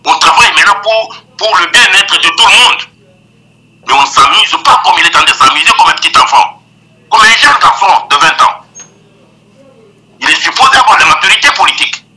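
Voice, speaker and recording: A man's voice: high-pitched, animated, fairly quick, bright, forceful tone. Older man ranting over a phone line. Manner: emphatic, repetitive, stammering restarts. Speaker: political commentator guest. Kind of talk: impassioned political commentary by phone.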